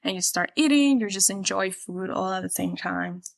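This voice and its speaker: A woman's voice: medium pitch, moderate pace, creaky. A woman from the Dominican Republic chatting casually on a podcast as a guest, laughing often and filling with "like". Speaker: guest, production team member.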